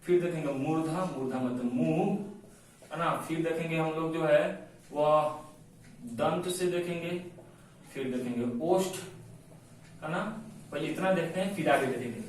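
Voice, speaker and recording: A slightly high-voiced man explains and dictates Hindi grammar to a class, slowing for notes and leaning on "है ना" again and again. The recording is distant, very echoey, and carries faint noise.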